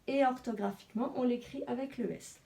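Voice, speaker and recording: A woman teacher with a French accent, giving a slow phonics lesson and carefully sounding out letters and syllables. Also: a little high, vocal fry, warm tone, distant mic. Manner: slow, deliberate, spelling out sounds.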